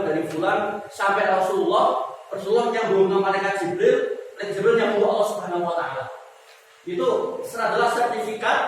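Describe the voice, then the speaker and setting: An Indonesian Quran recitation teacher gives a tajwid lesson in an echoing mosque hall, his voice sitting high and a bit bright. He explains step by step, repeats key words and questions the class, recorded from far off with long reverb and slight background noise.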